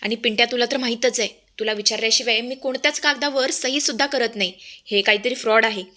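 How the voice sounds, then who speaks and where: A woman's voice: a little high, fast talker, sharp tone. A woman voicing a frightened old grandmother. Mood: alarmed. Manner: alarmed.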